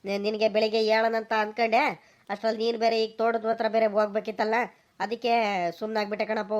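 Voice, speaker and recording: Brief: anxious grown son voiced by a woman, rural Karnataka accent, hesitant and stammering, fairly high voice. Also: little pitch movement, quick pace, lo-fi sound, natural voice. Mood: nervous. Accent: rural Karnataka Kannada. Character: nervous grown son of a village family, evasive.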